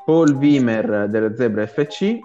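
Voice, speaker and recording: A man reads out a squad in a casual, chatty way, stumbling over foreign names. His pace is on the slow side. The audio is dull, with light music behind him. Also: medium pitch, animated, warm tone. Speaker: team staff member announcing a squad. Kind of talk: casual reading of a player list with banter.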